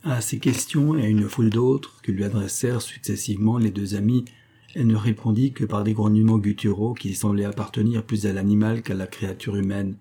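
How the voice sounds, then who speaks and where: Male audiobook narrator, measured and steady, mellow dark timbre. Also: on the low side, slightly rough.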